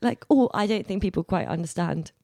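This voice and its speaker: A woman talking casually as a podcast guest, animated and laughing often, swearing casually. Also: mid-range voice, brisk, gravelly, dry recording, studio quality. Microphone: studio mic with headphones.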